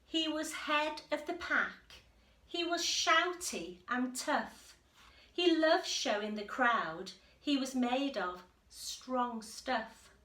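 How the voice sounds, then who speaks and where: Echoey, unhurried woman reading a children's storybook. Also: high voice. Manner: animated, deliberate storyteller with emphatic delivery. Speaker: infant school teacher reading aloud. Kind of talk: expressive children's picture book reading with chatty asides. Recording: roomy, echoey indoor sound.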